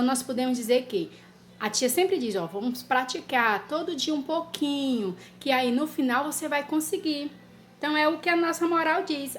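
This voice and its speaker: A woman teaching small children in a lesson video, coaxing them along with tag questions and slowly dictating sentences twice over. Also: high voice, slight background noise. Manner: dictates sentences slowly, repeating each one. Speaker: primary school teacher. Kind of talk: slow, clear lesson for young children. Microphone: recorded lesson video.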